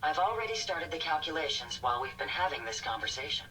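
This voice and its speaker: An actor voicing a courteous, apologetic robot companion in a video game, speaking formally. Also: male voice, fairly high pitch, sing-song, fast, pushed and bright, far from the mic, slight background noise, poor audio. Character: polite regretful robot companion.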